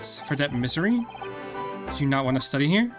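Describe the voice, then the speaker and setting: A man's voice: fairly high pitch, big pitch swings, fairly quick. A man streaming, reading a game's dialogue aloud in a plain questioning way. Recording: game music playing behind.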